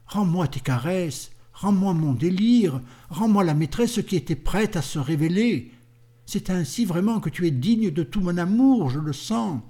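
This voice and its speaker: A man's voice: high voice, animated, unhurried, dark tone, voice pushed up. A man reading a passionate, lovesick young man in an audiobook, fervent and pleading.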